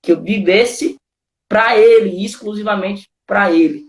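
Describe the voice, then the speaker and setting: Telling his testimony in a laid-back conversation, a Brazilian-accented pastor fills his informal story with "cara" and "né" over and over. His high-pitched voice moves a little slowly, with a roomy sound.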